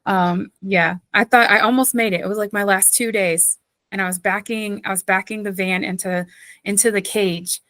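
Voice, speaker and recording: A woman pastor from southeastern North Carolina tells stories as a guest in a casual interview, chatty, laughing often and using lots of fillers. Her mid-range voice is a bit bright, with fairly even intonation, a moderate pace and no echo.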